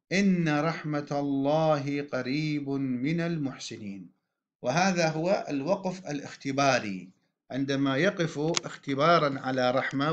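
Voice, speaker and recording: A man teaching a grammar lesson to a class, explaining patiently and slowing down to sound out example words. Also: medium pitch, a bit bright. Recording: dull lo-fi recording.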